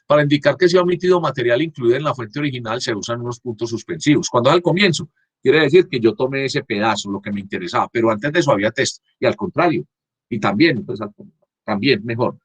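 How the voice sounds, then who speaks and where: Husky-voiced male teacher, dry close computer mic, halting delivery with frequent restarts. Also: mid-range voice, animated, no echo. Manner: halting, frequent restarts, checks understanding with "¿cierto?". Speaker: university teacher. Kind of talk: online class lecture. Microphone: computer mic on a video call.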